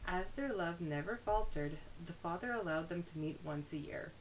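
A podcast co-host, a woman with a fairly low, lively voice, steadily recaps a story chapter at a moderate pace before slipping into animated, casual discussion. The audio is poor, with a faint hiss.

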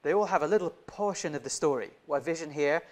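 A young man preaching a sermon in a church, who grew up in Indonesia, talking with lively gestures and asking many questions of the congregation. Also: a little high, fast talker. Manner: animated, gestures broadly, many rhetorical questions. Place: church hall, indoors. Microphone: lapel mic.

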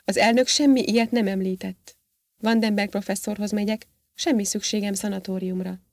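A worn-out astronaut, a man who talks low and unsure, as if each question costs him, read by a woman narrator. The voice sits at an ordinary middle pitch and sounds close and dry, like a storybook reading. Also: fairly even intonation, no room sound, natural voice. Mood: insistent. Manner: quiet, hesitant, subdued. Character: tense male astronaut, confused and weary.

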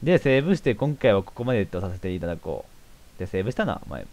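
方言まじりに実況する男性. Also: male voice, fairly low pitch, rapid-fire, background noise. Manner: animated, thinks out loud, reacts loudly. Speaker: game streamer. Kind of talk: let's play commentary. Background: game organ music.

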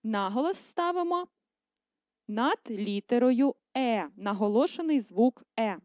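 A woman teacher giving a video lesson to first graders, speaking slowly and carefully and drawing out words to stress them. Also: a little high, expressive, darkish tone, no room sound. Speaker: primary school teacher. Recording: dull lo-fi sound.

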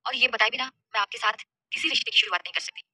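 A woman voicing a lonely magical young woman who speaks softly and tearfully. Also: on the high side, fast talker. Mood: sorrowful.

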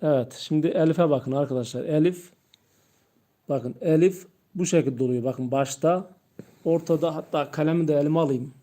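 A man teaching Quran reading in a live-streamed lesson, patiently drilling letter sounds aloud and talking to viewers as friends. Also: a little high. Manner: patient, repeats letters loudly and slowly, addresses viewers as friends.

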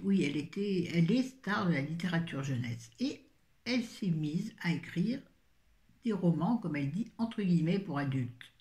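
A woman's voice: deep voice, darkish tone, roomy sound. An older woman reviewing books in a casual, rambling chat full of self-mocking asides. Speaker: book vlogger.

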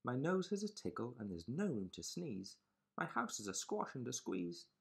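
A high, fussy little old lady voiced by a woman who cries out her complaints in a breathy, swooping voice. She sounds flustered and fretful, pleading in a lilting storybook tone. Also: very animated, normal speed, exaggerated voice. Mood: frantic pleading.

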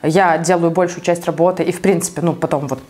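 With a fairly low, steady, slightly mellow voice, a woman from Belarus responds to interview questions about her activism. She's conversational and a little halting, thinking out loud.

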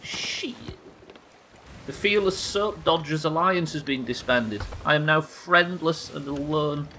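Talking slowly with a fairly high, bright and forceful voice, this thirtysomething British streamer swears, rambles and second-guesses himself while commentating on a game. He chats to his viewers from a small indoor room. A slight hiss or hum sits under the audio.

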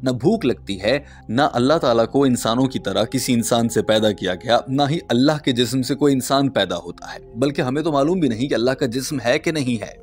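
A man reading a scripted narration in a measured, explanatory way, posing rhetorical questions. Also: medium pitch, a little mellow, soft background music.

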